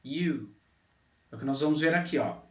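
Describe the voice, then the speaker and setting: A man teaching a pronunciation lesson, slowly repeating example words out loud. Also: a little high, lively intonation. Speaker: English teacher. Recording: echoey, distant, dull mic.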